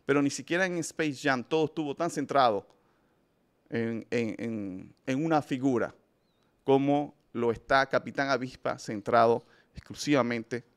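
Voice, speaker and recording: A film review host talks casually and emphatically to his listeners, sharing strong opinions and often restarting what he's saying. His clear, resonant voice sits mid-range and moves at a measured pace.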